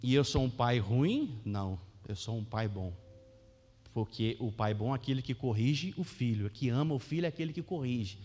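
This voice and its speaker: A young Brazilian man preaching a sermon as pastor, animated and questioning the congregation. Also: medium pitch, normal speed. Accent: Brazilian Portuguese. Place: church hall. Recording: long church hall reverb.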